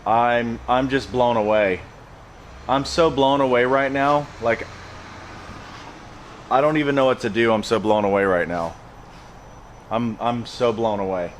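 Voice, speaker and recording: A man's voice: medium pitch, a little slow, pauses often, slight background noise. Plain-spoken man vlogging on a handheld camera. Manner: plain-spoken, emphatic, repeats phrases. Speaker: landscaping business owner. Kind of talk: casual vlog talk to camera.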